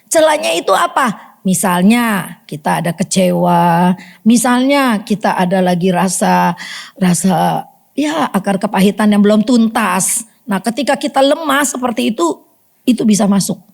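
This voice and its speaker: A middle-aged woman giving a personal testimony at a church fellowship meeting, telling her story in an animated way with emphatic outbursts. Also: mid-range voice, normal speed, creaky.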